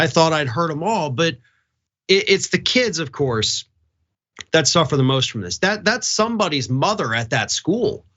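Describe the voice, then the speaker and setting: A man's voice: on the high side, sharp tone, highs cut off. A middle-aged man co-hosting, giving opinionated, emphatic and disapproving conversational commentary. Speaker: co-host.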